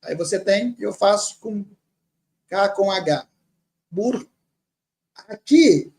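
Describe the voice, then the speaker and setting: A man teaching grammar, reading words slowly from a text and repeating them patiently. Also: sits high, a little mellow. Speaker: teacher of Syriac Aramaic.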